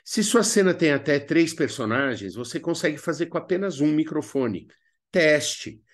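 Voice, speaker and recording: Teaching as a radio theatre workshop instructor, a Brazilian-accented man with a fairly high, animated voice presents an instructional lesson at a moderate pace. His manner is didactic, asking rhetorical questions and answering them.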